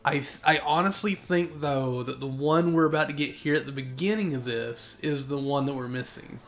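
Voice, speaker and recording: A young streamer speaks at normal speed in a medium, slightly bright voice, with faint music in the background. He's giving live gameplay commentary, reading chat out loud and rambling with frequent self-corrections, and he's sneezy today.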